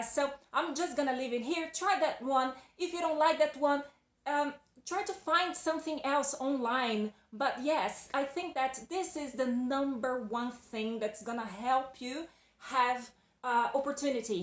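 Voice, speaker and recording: This English teacher, a Brazilian woman who speaks Portuguese as her first language, talks with a Brazilian accent in a casual video lesson. Her voice sits high and a little slow, recorded with a roomy sound, and she is chatty and encouraging, often restarting phrases.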